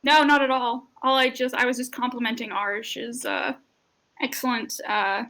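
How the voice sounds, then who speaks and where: A woman with a notably high voice speaks in character during a live-streamed tabletop game. Her delivery is halting, full of small fillers and pauses as she finds her words. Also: fairly even intonation, bright, forceful tone. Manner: hesitant, halting, with many fillers. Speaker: player voicing her character. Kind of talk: in-character tabletop role-play.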